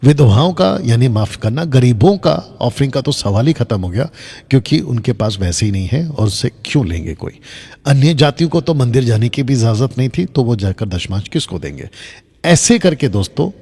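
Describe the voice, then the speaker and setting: A man's voice: medium pitch, very animated, moderate pace, warm tone, slightly rough, in a large hall. Emphatic man teaching from slides. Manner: emphatic, repeats points and asks rhetorical questions. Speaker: Bible teacher on a video channel.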